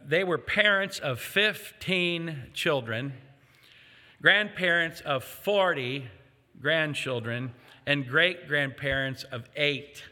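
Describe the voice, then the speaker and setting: A man's voice: a little high, pushed and bright. An older man preaching a sermon to a congregation, telling jokes and stories in a folksy way. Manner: folksy, joking storyteller addressing a congregation. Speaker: pastor. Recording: reverberant hall.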